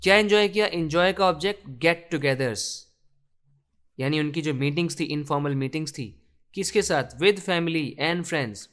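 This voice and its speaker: Clear-voiced man teaching English grammar. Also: on the high side, a bit bright. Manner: reads English phrases slowly then explains in Hindi. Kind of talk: explaining a newspaper text line by line.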